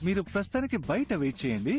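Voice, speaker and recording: A man's voice: sits high, wildly swooping pitch, very fast, a little mellow, faint music behind. A man dubbing a playful, flirtatious male sidekick who jokes with the candidates. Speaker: interviewer's assistant in a film scene. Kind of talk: dubbed comic film dialogue.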